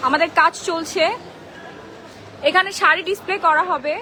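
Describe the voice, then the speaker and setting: A hoarse woman running a live sales stream from her unfinished showroom, talking in brisk, excited selling patter. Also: extremely high pitch, slight background noise. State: hoarse from shouting all day. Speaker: shop owner selling clothes on a live stream. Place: unfinished mall showroom with workers around.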